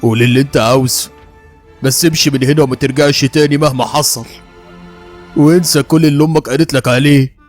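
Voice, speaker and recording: A man's voice: mid-range voice, fairly even intonation, fast, soft background music, close to an everyday voice. A man voicing a frightened Egyptian woman in her fifties who speaks with an Egyptian accent and pleads urgently. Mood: frightened pleading. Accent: Egyptian Arabic. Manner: urgent, pleading, hushed warnings.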